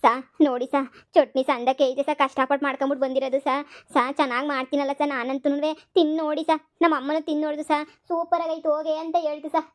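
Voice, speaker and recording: A high-voiced village woman, played by a woman for a cartoon, begging and pleading as she sells homemade chutney powder. She tacks "sir" onto nearly every line. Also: natural voice. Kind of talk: cartoon voice acting.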